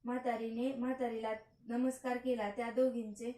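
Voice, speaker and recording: A woman from a family vlog reading a religious story aloud in a steady, devout way. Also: fairly high pitch, moderate pace. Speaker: family vlogger reading a devotional tale. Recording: echoey room, voice from far off.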